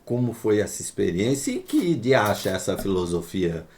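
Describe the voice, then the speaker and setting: Low-voiced male interviewer. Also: sing-song, moderate pace, a little mellow. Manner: long, winding questions. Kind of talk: conversational interview questions.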